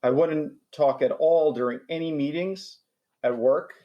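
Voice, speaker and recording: A man in his forties from New York, USA, speaks as a guest in a casual interview, stuttering with repeats and restarts. His voice is fairly high and a little slow, and the audio sounds dull.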